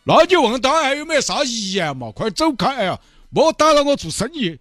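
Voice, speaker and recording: A man with a Sichuanese accent voicing a blunt, grumpy male fish seller who talks in a gruff, dismissive way. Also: extremely high pitch, big pitch swings, a little fast, fairly bright tone, no room sound, studio quality, soft background music, pitched above the performer's own voice, full character voice.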